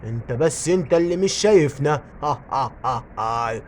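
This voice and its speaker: A gravelly, cackling skull ghoul voiced by a man, evil and gloating, with an Egyptian Arabic accent. He talks fast in a high, rough voice for a man, and booming laughs break up his lines in a children's cartoon skit. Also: a little hiss or hum, lightly acted. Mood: mocking. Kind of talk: toy play cartoon skit.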